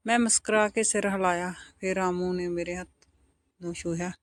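A woman with a Punjabi accent narrating a first-person story in a soft, intimate scripted delivery. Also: lowish voice, steady tone, normal speed, no echo.

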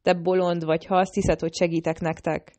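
A fierce young female assassin hisses her threats quietly and coldly, as a woman reader voices her. Her voice sits a little low. The menace stays restrained. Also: level tone, natural voice. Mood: scornful.

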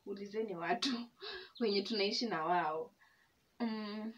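A woman's voice: medium pitch, unhurried. A young woman with a Kenyan accent chatting casually to her viewers while eating, grateful and open. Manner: chatty, code-switching, emotional and grateful. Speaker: vlogger. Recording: distant mic, dull sound, faint background hum.

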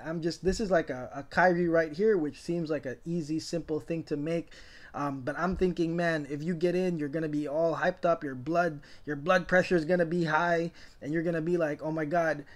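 A middle-aged man, a sneaker reseller, giving casual voice-over commentary in a rambling, enthusiastic way with many fillers. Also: on the high side. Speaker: sneaker reseller and channel host.

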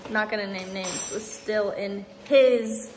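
A woman's voice: medium pitch, fairly even intonation, slow pace, noisy background. A woman hosting a casual family vlog, playful and teasing, laughing often. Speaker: vlog host and mother.

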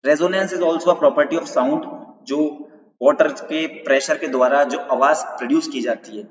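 A man's voice: fairly high pitch, unhurried. A male teacher giving an exam-prep lecture in Hindi mixed with English terms, who keeps asking questions back and repeating the key points. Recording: roomy, distant, dull sound.

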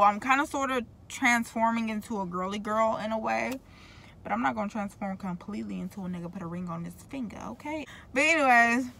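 A woman's voice: mid-range voice, a bit bright, a little hiss or hum. A young woman with braces chatting casually to the camera in a car, rambling and slangy, often interrupting herself. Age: young adult. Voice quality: talking with braces. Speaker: vlogger. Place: inside a parked car.

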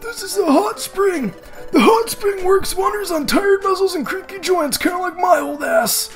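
A man voicing a cheerful old male hot-spring keeper in a slow, quavering old-man voice. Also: very high voice, soft background music, pitched above the performer's own voice. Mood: welcoming.

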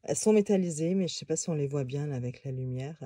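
Woman chatting thru a tarot deck review, warm soft tone, lots of ums and restarts. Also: sits low, expressive, quick pace, dry recording, clean studio sound. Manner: hesitant, many fillers and restarts. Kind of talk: casual video review.

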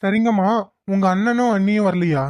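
A woman voicing a doubtful grown son in a cartoon, with a quiet, puzzled way of asking things. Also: fairly quick, a little hiss or hum, lightly acted. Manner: puzzled, low-key questions. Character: young man, calm, doubtful grown son. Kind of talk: cartoon voice acting.

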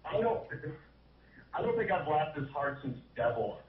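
Male co-reviewer, lively pitch, jokey asides, far-off roomy sound. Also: normal speed. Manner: laughing, joking asides. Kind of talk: casual group film review. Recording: roomy, distant, dull sound, faint hum.

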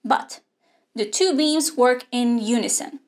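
A young woman teaches an online robotics lesson from a studio. She speaks slowly and clearly, at a slightly high pitch, and explains each part step by step. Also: darkish tone. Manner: clear, measured explaining with hand gestures. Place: indoor studio with a grey backdrop.

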